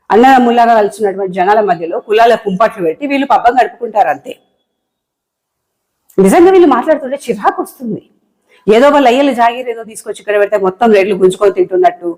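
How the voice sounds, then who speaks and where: A woman with a Telangana Telugu accent speaks at a rapid clip in a heated monologue. She sounds angry and impassioned, repeating words again and again to drive home each point as an online political commentator. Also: medium pitch, darkish tone, poor audio. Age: adult, married.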